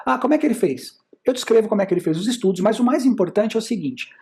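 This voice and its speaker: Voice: mid-range voice, lively intonation, rapid-fire, darkish tone. A speaker with a Brazilian Portuguese accent gives a lecture over slides as a communication and sales instructor, explaining points and asking and answering their own rhetorical questions.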